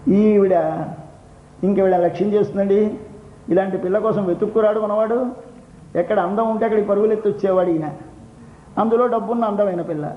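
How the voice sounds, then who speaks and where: An older man giving a devotional discourse, explaining a hymn line by line, repeating phrases and chanting verses. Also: high voice. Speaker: religious discourse speaker. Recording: roomy, dull lo-fi recording with faint noise.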